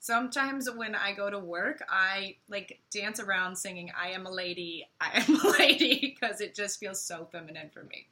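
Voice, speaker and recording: Cheerful American woman, casual product chat, very bright tone. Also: mid-range voice, lively intonation, moderate pace, few pauses. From United States. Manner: bubbly and playful, laughs often. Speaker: co-host.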